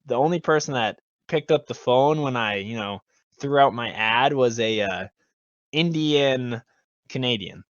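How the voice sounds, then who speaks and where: Brief: young male co-host, playful, halting banter, dry lo-fi sound. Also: mid-range voice, fairly bright tone, dry recording. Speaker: podcast co-host. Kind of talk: casual chat. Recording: dull lo-fi recording.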